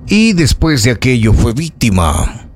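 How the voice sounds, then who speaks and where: A man with an Ecuadorian accent hosts local radio news, delivering live, opinionated commentary to listeners with indignation, emphasis, and repeated phrases. His mid-range voice is very animated yet measured in pace.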